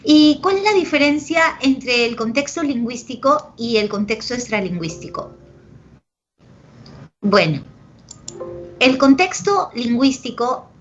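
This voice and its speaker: A woman's voice: fairly high pitch, animated, unhurried, pauses often. A woman teacher with a Peruvian Spanish accent giving an online language class, explaining with examples and checking in with "¿ok?" and "¿de acuerdo?", affectionate with her students. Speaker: pre-university language teacher. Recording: dull lo-fi audio.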